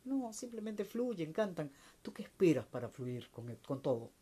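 A spiritual speaker answers questions from viewers in a reflective, unhurried talk. The voice is warm and mellow, of middle pitch. The speaker keeps asking rhetorical questions and acts out little everyday exchanges, and the voice swings between soft and raised. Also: very animated, slightly rough.

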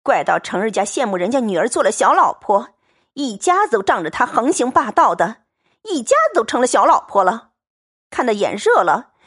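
A woman voicing a defiant young maid, sharp and scolding in an audiobook reading. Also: fairly high pitch, breathy edge.

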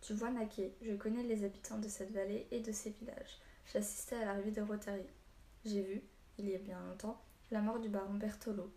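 A woman's voice: medium pitch, flat delivery, brisk, dark tone, natural voice. Maugris, a woman reading a stern old hermit. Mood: grave. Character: old male hermit storyteller, stern and short-tempered. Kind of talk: audiobook reading. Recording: echoey room, faint hiss.

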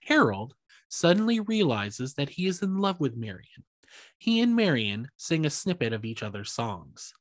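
A man's voice: fairly high pitch, very animated, normal speed, dry recording. A man co-hosting a podcast, recapping a musical's plot and chatting in a wry, hedging way. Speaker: podcast co-host. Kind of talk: casual chat and plot recap.

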